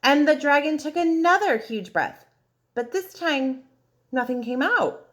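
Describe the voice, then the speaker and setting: A woman narrating a picture book for children as an expressive storyteller. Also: sits high, unhurried.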